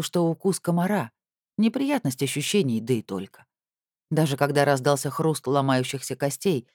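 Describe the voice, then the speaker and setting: A man's voice: fairly high pitch, darkish tone, dry recording. Male audiobook narrator, dry close sound. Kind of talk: scripted dramatic narration.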